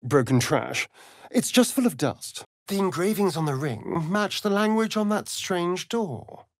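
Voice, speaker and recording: Astarion, a languid, theatrical English vampire elf. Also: male voice, high-pitched, animated, unhurried, no echo, clean studio sound. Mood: dry, wry. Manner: arch, languid, teasing, theatrical. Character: sly, vain, mocking vampire elf rogue, adult man. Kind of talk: theatrical fantasy game voice acting.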